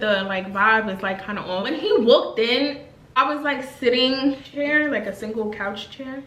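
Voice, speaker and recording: A woman in her twenties tells a casual storytime to her vlog, chatty and expressive with plenty of slang and fillers. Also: a little high, roomy sound, rough recording. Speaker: vlogger.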